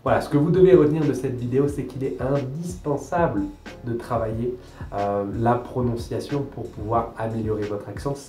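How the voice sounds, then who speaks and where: A man's voice: mid-range voice, moderate pace, warm tone. A young French man coaching viewers on pronunciation, talking in an emphatic, teacherly way and repeating key points. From France. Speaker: language coach. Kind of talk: talking-head language advice video. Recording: echoey room with light guitar music.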